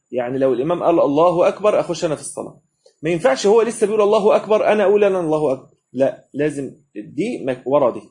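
Man, Egyptian Arabic accent, rapid delivery, mellow tone, religious lesson teacher who drills pronunciation and asks himself questions. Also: mid-range voice. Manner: explains by example, asks and answers own questions, demonstrates pronunciation. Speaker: Islamic law teacher.

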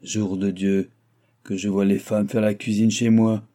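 A man's voice: on the low side, flat delivery, a little slow, mellow, lightly acted. A man voicing a choleric, sarcastic old nobleman who has lost his fortune, talking in a blustering, mocking way. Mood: indignant.

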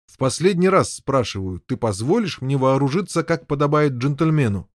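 A man doing a stern, calm noble knight. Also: mid-range voice, normal speed, dry recording, clean studio sound, lightly acted.

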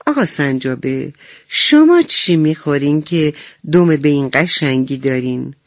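A woman's voice: low voice, lively intonation, no room sound, clean studio sound. A woman voicing a playful, curious little frog in a children's radio story, asking eager questions.

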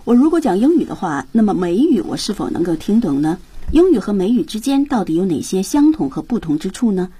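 A woman's voice: mid-range voice, sing-song, a little fast, mellow, breathy edge. A woman hosting a radio English lesson, introducing guests and moving easily between two languages. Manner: bilingual, switches between her own language and English. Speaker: radio program host. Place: radio studio.

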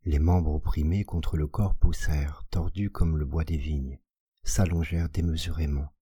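A man giving a measured, expressive scripted narration of a classic tale for an audiobook, recorded on a close mic. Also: a bass voice, slightly rough, no echo. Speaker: audiobook reader.

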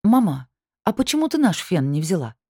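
A woman's voice: on the low side, big pitch swings, brisk, warm tone, breathy edge, no echo, clean studio sound, voice pushed up. A woman reading an audiobook, voicing a mild, reasonable adult daughter puzzling things out. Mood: reasoning.

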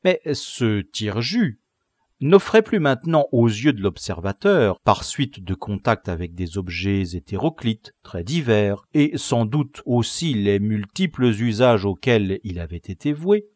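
A man reading a classic novel aloud as an audiobook narrator, measured and expressive. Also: fairly low pitch, no echo. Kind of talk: scripted narration.

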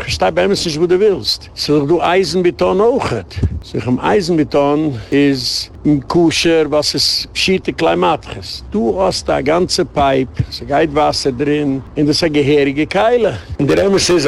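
A middle-aged man, a rabbi, holds forth in a storytelling lecture. His voice sits a little high and has a gravelly edge. He acts out both sides of old arguments and drops in English and Yiddish words. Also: slight background noise. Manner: animated retelling of phone calls and arguments, slipping into English and Yiddish words.

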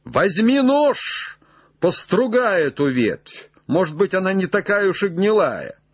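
Man doing an excitable obsessed gentleman, urgent and commanding, husky, dry sound. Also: mid-range voice, measured pace, no room sound, lo-fi sound. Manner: urgent, raised, breaking with excitement.

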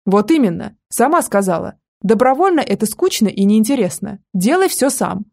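A woman's voice: mid-range voice, big pitch swings, normal speed, creaky, warm tone. A woman voicing a nasal, whining young man. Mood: sulky. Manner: whining, defensive. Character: whiny young man with a broken nose.

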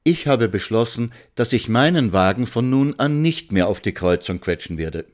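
A man's voice: medium pitch, lively intonation, normal speed, natural voice. A man voicing a polite, earnest middle-aged woman in a read-aloud story, talking persuasively.

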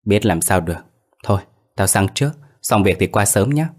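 A sharp-tongued village girl snaps blunt, quick scolding, voiced by a man in his own low register. It sounds like a storybook horror tale read aloud. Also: expressive.

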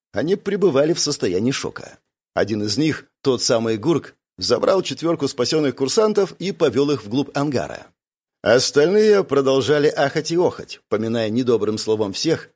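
A man's voice: mid-range voice, a little mellow. A man reading a first-person audiobook in a dry, matter-of-fact way. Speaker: audiobook narrator. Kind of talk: first-person scripted narration.

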